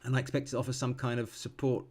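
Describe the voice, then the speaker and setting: Man giving calm live trading commentary. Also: mid-range voice, rapid-fire. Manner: thinks aloud with many ums and self-corrections; calm, explanatory, teaching as he watches. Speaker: futures trader streaming live.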